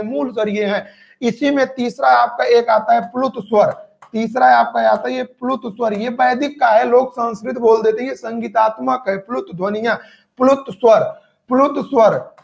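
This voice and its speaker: A man's voice: extremely high pitch, gravelly. A man teaching Hindi grammar in an exam-prep lecture. He drills each term by repetition, asks questions and answers them himself, and speaks straight to his students. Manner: addresses students directly.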